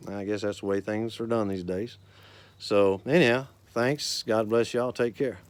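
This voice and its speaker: Smooth, low-voiced cowboy storyteller man. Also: steady tone. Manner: folksy, unhurried storyteller. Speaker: cowboy poet and author. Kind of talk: cowboy poetry recital and casual folksy talk.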